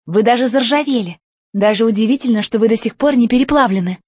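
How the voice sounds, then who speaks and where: A woman's voice: fairly high pitch, fast, a little mellow, slightly rough, dry recording. Woman playing a defiant bold girl, Alice. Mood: defiant firm. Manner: firm, defiant.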